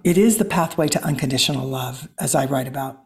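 A woman's voice: very deep voice, fast talker, a little mellow. A woman from Missouri with a Midwestern American accent, a guest and author speaking earnestly and reflectively in a conversational interview. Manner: earnest, flowing, spiritual.

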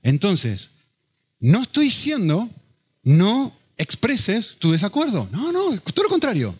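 A man with an Argentine accent delivers a sermon in a lively, swooping voice that sits a little high. His tone is slightly husky, and he keeps throwing rhetorical questions at the congregation. The recording sounds dull and lo-fi. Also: slow. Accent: Argentine Spanish. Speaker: pastor.

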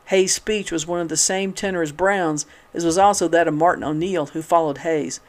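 Higher-voiced man reading an old newspaper. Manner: steady, measured reading with occasional restarts. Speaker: reader of a historical newspaper. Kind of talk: reading a newspaper article aloud.

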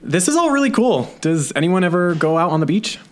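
A young man acts a teenage boy who is keen but easily worried. He talks quickly, with natural, conversational drama delivery. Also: high-pitched, big pitch swings.

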